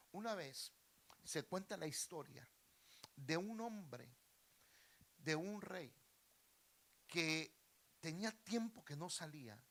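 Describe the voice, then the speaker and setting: A man's voice: a little high, creaky, a bit bright. A man, a pastor preaching a sermon with fervor and often addressing listeners as brother. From Mexico.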